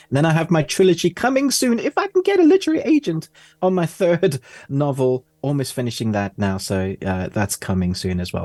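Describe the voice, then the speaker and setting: A man's voice: on the low side, darkish tone, dry recording. Middle-aged male guest reviewer, rambling, easygoing, dry close sound. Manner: rambling, laughs while talking. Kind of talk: casual chat.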